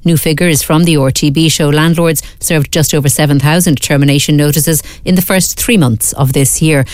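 An Irish woman reading a scripted radio news bulletin in a measured, formal way. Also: deep voice, fairly even intonation, darkish tone, no room sound. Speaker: newsreader. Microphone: studio microphone.

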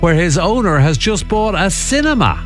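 Lively Irish male radio host. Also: high-pitched, moderate pace, music in the background. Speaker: radio host running a phone-in quiz. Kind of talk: casual, chatty competition banter.

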